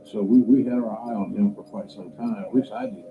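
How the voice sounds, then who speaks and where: A man recalling a business decision in a documentary interview, speaking in a deliberate, matter-of-fact way. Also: lowish voice, fairly even intonation. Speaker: former wrestling executive interviewee. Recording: dull, noisy sound.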